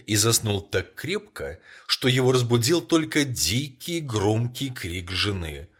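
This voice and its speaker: A man narrating an audiobook story in a measured, somber way. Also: mid-range voice, big pitch swings, breathy edge.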